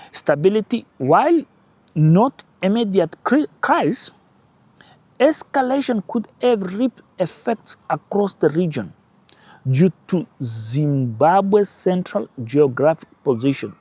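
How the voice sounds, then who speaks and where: A man whose first language is Portuguese, speaking with a Portuguese-speaking accent, hosts his own channel and delivers emphatic, animated political commentary punctuated by brief laughs. His voice is a little high, and there's no echo.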